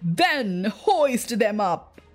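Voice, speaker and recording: A woman's voice: medium pitch, big pitch swings, extremely slow, soft background music, heavily acted. A woman voicing a menacing, pompous male pirate captain with a commanding, theatrical, old-fashioned manner in a storybook.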